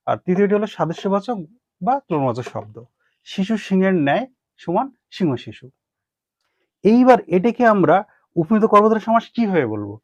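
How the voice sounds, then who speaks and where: A questioning, high-voiced male grammar teacher. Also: darkish tone, no room sound. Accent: Bengali. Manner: repeats terms and asks himself questions. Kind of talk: classroom grammar lesson. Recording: dry, muffled lo-fi sound.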